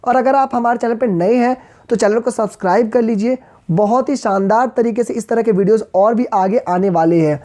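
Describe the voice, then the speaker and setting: A woman teaches an online grammar lesson in a fairly high, mellow voice. She explains things patiently and speaks straight to her viewers, reading the verse lines out slowly.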